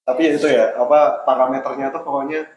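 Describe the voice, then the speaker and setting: A man's voice: mid-range voice, steady tone, fast, darkish tone. A man hosting a small talk session, introducing guests and prompting the speaker with short questions. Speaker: host. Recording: echoey room with noise, far from mic.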